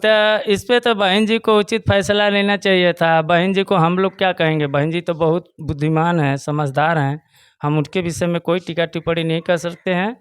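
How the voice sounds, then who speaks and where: Earnest Bhojpuri-accented man, clear voice. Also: high voice, steady tone, moderate pace. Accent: Bhojpuri-tinged Hindi of eastern Uttar Pradesh. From Chandauli, Uttar Pradesh. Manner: earnest, repeats his points, rises in emphasis. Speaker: local party booth president, interviewee. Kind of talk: casual political opinion interview.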